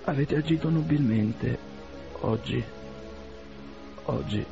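A man's voice: a little high, moderate pace, over music, pitched above the performer's own voice, close to an everyday voice. A man voicing a proud, wounded older aristocrat in a duel, with stiff, formal speech, on a muffled lo-fi recording. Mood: strained.

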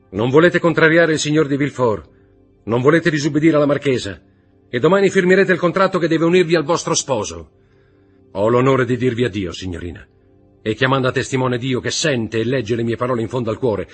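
A husky-voiced man playing an earnest young lover, speaking in a grave, intense way. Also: medium pitch, voice pushed up. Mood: bitter. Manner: grave, earnest, slightly raised delivery.

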